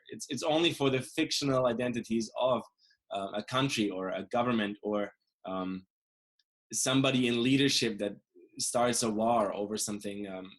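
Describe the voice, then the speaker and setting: A man from Germany hosting a podcast, talking reflectively in a casual interview with halting, repeated words. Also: mid-range voice. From Germany, Bavaria. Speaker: podcast host.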